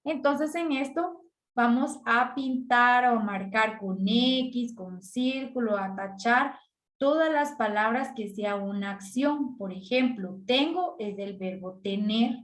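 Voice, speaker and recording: A woman teacher walks pupils through worksheet exercises step by step, asking and answering her own questions. Her voice sits a little high. The recording has a noticeable room echo. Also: slow. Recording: echoey room.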